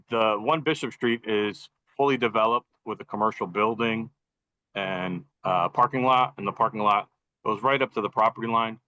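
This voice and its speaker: A male engineer speaks through a video call, his voice lowish yet bright and forceful. The audio is dull and lo-fi, dry with no room sound. He presents formally and methodically, with the odd um. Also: no echo. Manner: methodical, walking through a plan with frequent ums. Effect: on a video call over poor Wi-Fi. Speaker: professional engineer presenting a site plan. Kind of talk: formal presentation at a public meeting. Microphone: computer audio on a video call.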